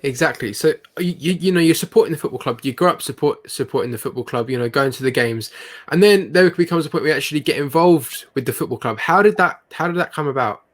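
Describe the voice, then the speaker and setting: A man's voice: fairly high pitch, fast talker. A man hosting an interview, asking casual questions and stumbling over the starts of his words. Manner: stammers and restarts his words. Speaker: podcast host.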